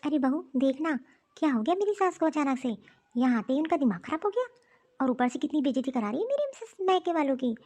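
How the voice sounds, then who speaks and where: A woman's voice: high-pitched, big pitch swings, quick pace, a little mellow. A woman voicing a middle-aged mother-in-law in a cartoon story who frets about family honor. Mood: worried.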